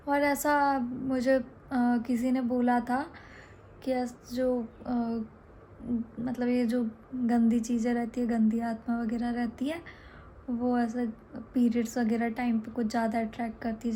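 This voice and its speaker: A young woman from India recounting a dream in a chatty, halting way, with many fillers and restarts. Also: fairly high pitch, warm tone, a little hiss or hum. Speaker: storyteller. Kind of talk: casual storytelling.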